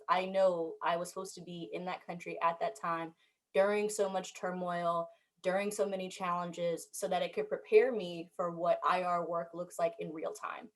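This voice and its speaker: A young woman from the United States, speaking as a panelist and telling her story in an animated, emphatic way. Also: mid-range voice. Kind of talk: panel discussion.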